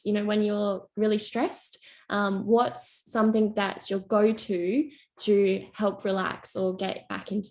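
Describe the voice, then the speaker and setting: A young woman presents a youth mental health workshop. She explains things in an encouraging way, with ordinary fillers. Her voice has a mid pitch. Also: darkish tone.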